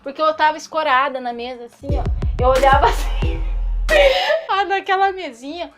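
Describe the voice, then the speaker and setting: A Brazilian woman vlogger telling a personal story with a Brazilian Portuguese accent, animated, laughing often and swinging her pitch dramatically. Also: moderate pace, over music. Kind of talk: confessional storytelling.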